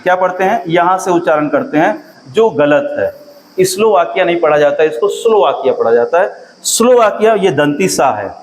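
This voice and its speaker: A man teaches an exam-prep lesson in a slightly high voice. He asks his students questions, repeats each answer and often clears his throat. A faint hiss sits under the speech. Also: poor audio.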